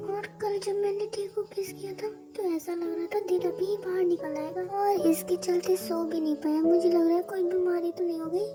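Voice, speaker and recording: A young reader voicing a naive, lovesick teenage schoolboy who worries a lot, over background music. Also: male voice, very high-pitched, flat delivery, moderate pace, hardly any pauses. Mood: worried. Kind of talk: fan story voice acting. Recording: music playing behind.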